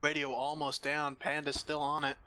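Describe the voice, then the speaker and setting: A man giving excitable, quick play-by-play as a commentator on a team shooter match. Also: a little high. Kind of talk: casual esports commentary.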